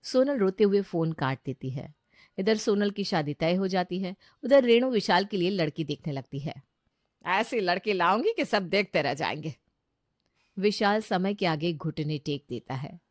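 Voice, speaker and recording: A woman narrating a children's cartoon story in a lively, animated storytelling voice that moves a lot in pitch. Her delivery is scripted and clear. The recording is close and completely dry. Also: normal speed, dry recording. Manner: expressive storytelling.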